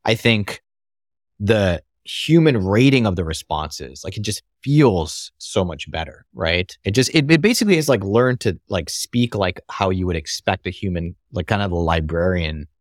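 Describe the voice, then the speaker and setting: Casual American man, podcast guest; low voice, rambling delivery, dry recording. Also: expressive, moderate pace, no room sound. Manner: rambling, many fillers and restarts. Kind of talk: casual conversation.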